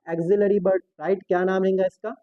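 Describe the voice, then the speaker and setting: A man's voice: high voice, level tone, fairly quick, no echo, dull audio. A man teaching a biology lesson for exam prep, asking questions and answering them himself, repeating key terms and mixing Hindi with English science words.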